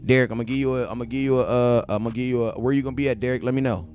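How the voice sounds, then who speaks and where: This man in his 40s speaks very fast at medium pitch, with a steady, darkish tone and faint music behind him. Hosting a sports fan live stream, he reads viewer comments in loose slang, talks directly to viewers, and repeats himself to underline points.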